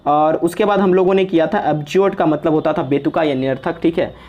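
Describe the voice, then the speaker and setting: A man's voice: on the high side, steady tone, normal speed, a little mellow, muffled recording. Chatty man teaching English vocabulary. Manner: chatty, repeats "okay" constantly, jokes and teases. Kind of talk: casual online lesson.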